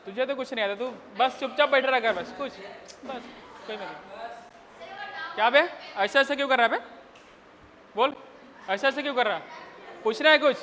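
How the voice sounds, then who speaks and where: High-pitched man scolding a classroom. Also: fairly quick, long pauses, bright, forceful tone, a faint crowd. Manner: scolds and teases students in crude slang. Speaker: physics teacher. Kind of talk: rowdy classroom teaching. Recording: lo-fi classroom recording in a reverberant room.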